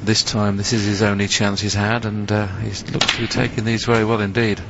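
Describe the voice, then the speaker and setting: Male sports commentator for snooker, lowish voice, conversational analysis, dull noisy broadcast audio. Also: level tone, fairly quick, creaky. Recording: muffled broadcast with background noise.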